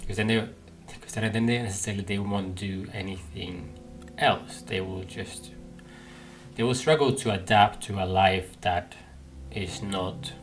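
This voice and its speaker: With game music clearly audible behind him, a man hosting a gaming video plays through a game and muses casually. He thinks aloud hesitantly in a fairly low voice, keeping a steady tone and measured pace.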